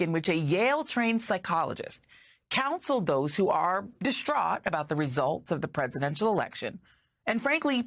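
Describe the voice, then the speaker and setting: A woman's voice: on the low side, dry recording, studio quality. An American woman hosting a news commentary segment, delivering scripted opinion with sarcasm and pointed rhetorical questions.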